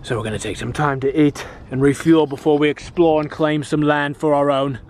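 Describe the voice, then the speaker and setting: A man's voice: fairly high pitch, fairly even intonation, brisk, darkish tone, a little hiss or hum, poor audio. A young man vlogging outdoors by a lake, narrating in a playful, mock-dramatic pirate manner.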